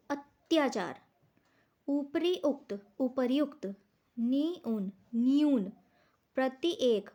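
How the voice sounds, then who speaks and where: Slow-paced high-voiced woman teacher. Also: darkish tone. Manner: explains step by step, asks questions and answers them herself; says words and examples slowly and deliberately. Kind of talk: exam-prep grammar lesson.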